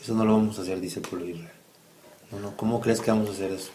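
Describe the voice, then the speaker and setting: A man's voice: fairly low pitch, steady tone, very fast, dark tone. Father telling a bible story. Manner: storytelling, asks the child questions, acts out quotes. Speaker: father homeschooling his child. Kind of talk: bible story lesson for a child. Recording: echoey room, faint noise.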